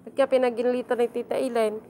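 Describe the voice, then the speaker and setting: High-voiced Filipino woman teasing a child. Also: flat delivery, quick pace, dark tone, a little hiss or hum. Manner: teasing, laughing questions. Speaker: family member questioning a small child. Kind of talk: casual home chat.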